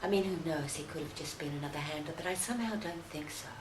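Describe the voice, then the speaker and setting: Woman, low voice, hesitant commentary, echoey noisy room. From Australia. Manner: halting, full of fillers and restarts. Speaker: video commentator. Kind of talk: casual commentary.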